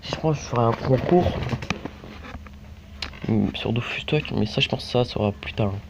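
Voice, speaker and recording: Medium-pitched with vocal fry and a normal pace, a male French YouTuber offers relaxed, meandering let's-play commentary on a mobile game, leaning on fillers and repeated tags. The phone screen-recording mic yields muffled lo-fi audio carrying a faint background hiss.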